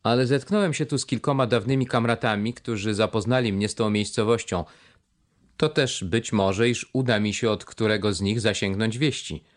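A man's voice: on the low side, moderate pace, close to an everyday voice. A man voicing a wheedling, overly polite one-legged pirate with a crutch, reading an audiobook. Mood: obliging.

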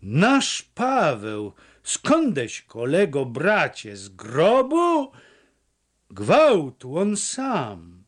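A man voicing a loud, boastful, hungover young village blacksmith who talks gruffly and boisterously. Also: mid-range voice, sing-song, takes it slowly.

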